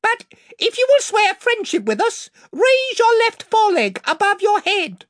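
A reader voicing a tiny, brave talking mouse knight who speaks in a shrill, courtly way. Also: sing-song, a little slow, fairly bright tone, no echo, clean studio sound, heavily acted. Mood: gallant. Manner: courtly, formal. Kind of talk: audiobook reading.

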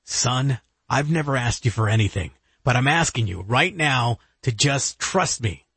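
A man's voice: medium pitch, expressive, unhurried, fairly bright tone, slightly rough, no echo, voice pushed up, exaggerated voice. A man doing a grave older father. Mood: earnest. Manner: grave, earnest. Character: older male retired agent, weary father.

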